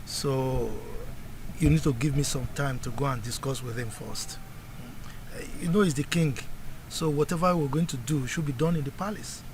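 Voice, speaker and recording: A man's voice: mid-range voice, normal speed, a little hiss or hum, natural voice, rough recording. An actor playing an earnest Nigerian man reasoning things out in a film drama. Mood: hesitant, explaining. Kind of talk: Nollywood film acting.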